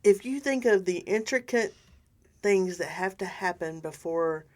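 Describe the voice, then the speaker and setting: An older woman co-hosting a casual faith discussion, animated and rambling, often restarting her sentences. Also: medium pitch, measured pace. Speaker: podcast co-host.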